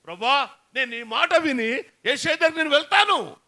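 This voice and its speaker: A man's voice: very high voice, expressive, normal speed, sharp tone, full character voice. A man preaching voices an old male prophet who is frightened and pleads anxiously. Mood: fearful, pleading.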